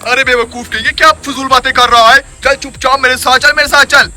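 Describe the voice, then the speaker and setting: Man voicing a male ghost boss, bossy, insulting, cackling, very high voice, faint music bed. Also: steady tone, fairly quick, bright, forceful tone, full character voice. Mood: scolding. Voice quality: scolding, insulting, with cackling laughs. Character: bossy, bad-tempered male ghost leader who kidnaps children. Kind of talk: comic Hindi skit acting.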